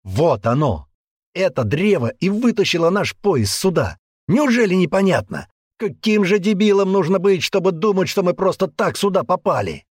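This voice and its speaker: A man voicing a hot-tempered, brutish young man who rants and yells threats in an audiobook. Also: high voice, very animated, normal speed, no echo, clean studio sound, pitched above the performer's own voice. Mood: angry. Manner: aggressive ranting, yelling threats. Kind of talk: audiobook character voice.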